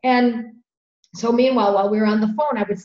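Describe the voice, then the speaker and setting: A female homeopathy practitioner tells her story earnestly and conversationally, using fillers and repeating words when emotional. Her voice is on the high side, mellow and fairly quick, with fairly even intonation, recorded in an echoey room with dull lo-fi sound.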